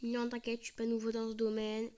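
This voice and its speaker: A woman's voice: on the high side, monotone, fairly quick, mellow. A young woman giving casual let's-play commentary, chatty and playful, often dropping to a whisper. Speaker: gaming video creator.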